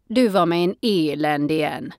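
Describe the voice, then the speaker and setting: A woman's voice: deep voice, no room sound, studio quality, voice pushed down, lightly acted. A woman voicing a grumpy, curt old man in a storybook reading. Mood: gruff.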